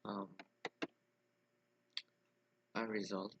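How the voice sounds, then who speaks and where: Halting young man with a gravelly voice. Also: lowish voice, level tone, a bit bright, no echo, low-quality recording. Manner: halting, full of restarts and fillers. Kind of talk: informal explanatory lesson.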